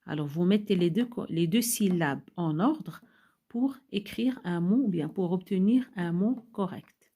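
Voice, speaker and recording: Slow, husky-voiced teacher speaking to children. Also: female voice, fairly low pitch, dark tone. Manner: slow, deliberate, repeats instructions and syllables. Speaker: primary school teacher. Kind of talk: recorded reading lesson for young children.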